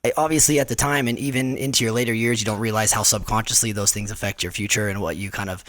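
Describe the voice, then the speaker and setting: This is a man from Southern California, a podcast guest, talking quickly in a relaxed, slangy way. His sentences ramble and restart as he goes. The sound is dry and close, with no room around it. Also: lowish voice, no room sound. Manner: laid-back, slangy, rambling with many restarts. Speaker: podcast guest, mural artist. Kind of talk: casual conversation.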